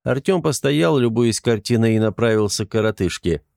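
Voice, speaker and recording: A man narrating an audiobook in an even, measured reading. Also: mid-range voice, creaky, no room sound, studio quality. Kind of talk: scripted narration.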